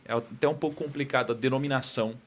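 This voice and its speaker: A man's voice: mid-range voice, fairly even intonation, quick pace, slight background noise. A man speaking as a podcast guest, explaining ideas thoughtfully with frequent tag questions into a studio mic. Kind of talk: casual podcast discussion.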